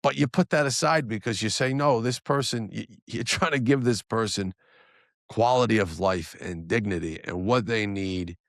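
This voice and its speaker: Male podcast host, thirties, very low and dry, chatty, full of restarts and asides. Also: normal speed, dry recording. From New Jersey area. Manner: conversational, frequent restarts and asides. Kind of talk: solo podcast monologue.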